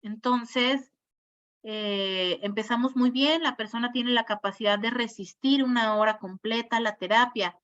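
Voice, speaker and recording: A woman's voice: on the high side, a little slow, fairly bright tone. A woman, a speech therapist giving an informal talk, explaining step by step and checking in with her listeners. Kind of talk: informal online lecture. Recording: muffled lo-fi audio.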